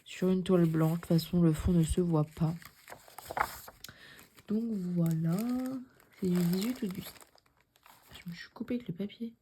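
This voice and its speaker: A young woman showing her cross-stitch patterns in a casual vlog, chatty and repeating herself, often dropping to a soft near-whisper. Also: lowish voice, steady tone, unhurried, long pauses, slight background noise. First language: French. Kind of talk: casual show-and-tell vlog.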